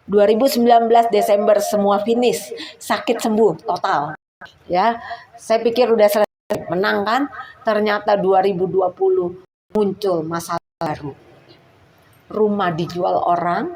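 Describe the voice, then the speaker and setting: A woman's voice: medium pitch, darkish tone, rough recording. A woman giving a personal testimony at church, telling her story earnestly and acting out her prayers.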